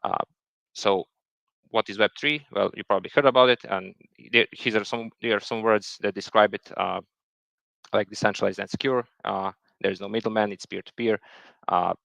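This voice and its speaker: A man's voice: lowish voice, steady tone, moderate pace, creaky, a bit bright, no room sound. A man giving a technical talk, hesitant and full of fillers and repeated words. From Serbia. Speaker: software engineer presenting a talk. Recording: dull lo-fi sound.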